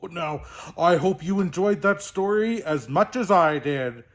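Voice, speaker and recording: A man's voice: high-pitched, pitched above the performer's own voice. A man playing a jolly old Santa Claus, telling children's stories in a hearty, theatrical manner. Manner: slow, hearty, theatrical delivery. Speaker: storyteller host. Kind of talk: cheerful children's storybook reading.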